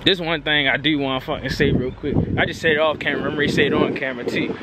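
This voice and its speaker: A man's voice: a little high, steady tone, rapid-fire, very noisy. A young man with a Baltimore accent vlogging outdoors while walking through a neighborhood, slangy and profane, often asking "you feel me". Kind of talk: casual walking vlog chat. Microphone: handheld camera.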